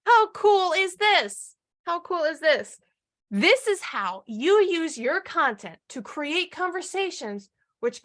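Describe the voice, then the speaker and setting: A woman coaching a live online marketing training, energetic and upbeat, often firing questions at her audience. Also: sits high.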